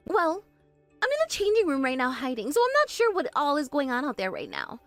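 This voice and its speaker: A spoiled young bride snaps and whines in a high, darting voice, as a woman acts her out. She is bossy and defensive, and her lines swing wildly in pitch. It is recorded close and dry over faint music. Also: huge pitch swings, fairly quick, fairly bright tone, no room sound, exaggerated voice. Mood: flustered. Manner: shrill, demanding, defensive. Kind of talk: animated story voice acting.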